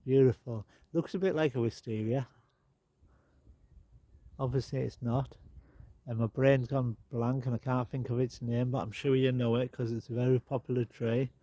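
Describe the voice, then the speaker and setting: A man's voice: medium pitch, normal speed, no echo, dull audio. A man with a stuffed-up, nasal voice, chatting casually as he walks around his garden, filming on a handheld phone. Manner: chatty, rambling, relaxed asides. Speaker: garden vlogger. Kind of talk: casual walk-and-talk. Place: outdoor garden.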